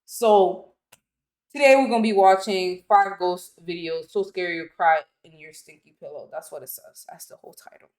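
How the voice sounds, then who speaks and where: A woman hosting a reaction channel talks loosely and casually, using slang and laughing often. Her voice is lowish and a little mellow, at a moderate pace.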